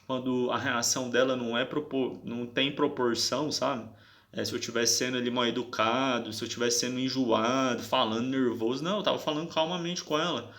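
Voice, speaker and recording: A man's voice: mid-range voice, fairly even intonation, fairly quick, fairly bright tone. A young man tells his story casually to viewers, in an aggrieved, slangy way, and keeps checking "sabe?".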